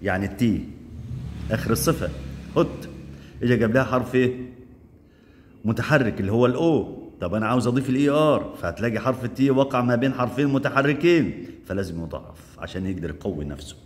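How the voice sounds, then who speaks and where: A man teaching English grammar in Egyptian Arabic. He asks quick questions and answers them himself, and he drills the word forms aloud. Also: mid-range voice, expressive, big-room sound, a little hiss or hum. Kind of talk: classroom grammar lesson.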